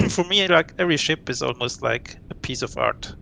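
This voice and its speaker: Relaxed and reflective, a late-thirties man from Switzerland chats as a guest in a casual interview. His gravelly voice is broken up by frequent laughs and pauses to recall, while a faint rumble sits behind him.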